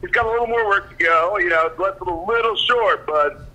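A man's voice: high-pitched, fairly quick, bright, forceful tone, low-quality recording. A man calling in and heard through a phone on speaker, chatting casually and swearing freely. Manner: laid-back, swears freely. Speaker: caller. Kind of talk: casual call-in chat.

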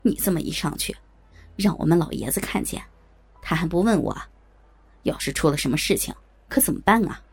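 A woman voicing a gaunt, sickly old man in an audiobook story who speaks in a hushed, urgent, pleading way. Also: sits low, sing-song, a little fast, gravelly, pauses often, breathy edge, pitched below the performer's own voice, full character voice. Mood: anxious.

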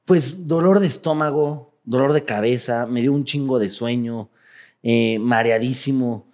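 A man with a Mexican accent, a guest telling a story in casual chat, animated and swearing freely, acting out other people's voices. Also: medium pitch, measured pace.

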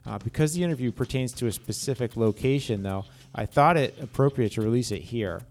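A man's voice: medium pitch, a little fast, a little mellow. New England man hosting a podcast. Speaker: podcast host. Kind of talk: podcast intro and interview.

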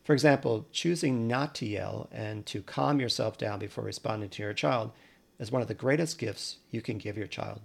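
A man coaching parents in a scripted podcast monologue, earnest and measured as he gives advice. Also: on the low side, gravelly.

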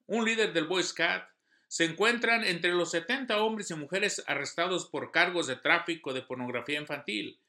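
A man's voice: sits high, bright, forceful tone. A man giving an earnest devotional sermon, reading scripture and news with emphasis. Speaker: preacher.

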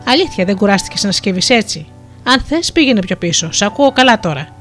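A melodious, good-natured sea princess in the guise of a talking turtle, as a woman narrator puts her on. She teases gently and speaks with easy warmth. Faint music plays under the storybook reading. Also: mid-range voice, expressive, lightly acted. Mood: gentle. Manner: melodious, playful and kind.

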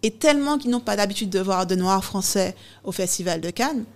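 Lively French-speaking woman telling anecdotes. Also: medium pitch, a little fast. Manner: animated, laughs often while telling anecdotes. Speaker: guest. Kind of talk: casual conversation.

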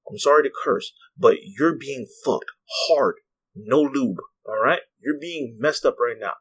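A podcast host with a mid-range, slightly bright and breathy voice delivers a heated, blunt political rant packed with swearing. He speaks straight to his listeners, and the recording is rough.

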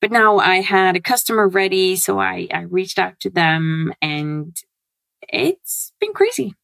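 Guest: woman, lively and laugh-prone, slight vocal fry, dry close sound. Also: mid-range voice, dry recording. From Norway. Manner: animated, laughs often, quick bursts. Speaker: guest, CRM consultant. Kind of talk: casual interview chat. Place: home.

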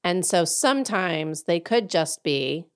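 Female podcast co-host, a touch low in pitch, informal and chatty, speaking off the cuff. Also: lively intonation, takes it slowly, clean tone. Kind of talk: casual conversational chat.

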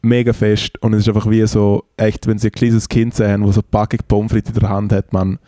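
Rambling Swiss German man, dark voice. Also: on the low side, level tone, a little fast, no room sound, clean studio sound. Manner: rambling, jokey, searches for words. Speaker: podcast co-host. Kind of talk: casual podcast banter. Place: remote, on the English coast.

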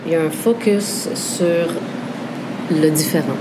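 Low-voiced Québécoise woman in a noisy café. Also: takes it slowly. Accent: Quebec French. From Quebec. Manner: thoughtful, lively, frequent fillers. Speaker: interview guest. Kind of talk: casual conversation.

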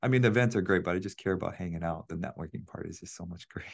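A man's voice: low voice, rapid-fire, vocal fry. A man hosting a podcast, chatting casually with his guest and laughing often. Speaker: podcast host. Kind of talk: casual interview chat.

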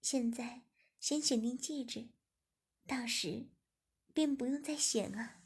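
A cheerful young woman teases in a light, playful voice, as a woman narrating a story puts her on. The voice sits fairly high and has a breathy, husky edge. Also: takes it slowly, exaggerated voice.

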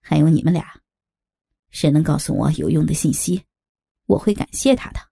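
Calm, menacing male gang boss voiced by a woman for an audiobook: low, gravelly, dry. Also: no echo, heavily acted. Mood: coolly menacing. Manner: calm, measured threats. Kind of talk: audiobook character voice.

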